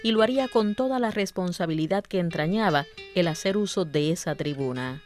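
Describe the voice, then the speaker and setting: A woman with a Cuban accent reading a scripted historical radio series in a clear, formal way. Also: lowish voice, lively intonation, brisk, darkish tone, soft background music. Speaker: radio announcer.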